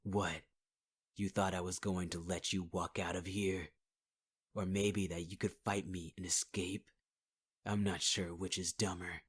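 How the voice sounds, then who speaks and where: His voice sits low and slightly rough, delivered flatly at a measured pace. Performing a possessive villain for ASMR audio roleplay, he leans close to the mic, taunting in a half-whisper, calling the listener sweetheart, and sounding menacing.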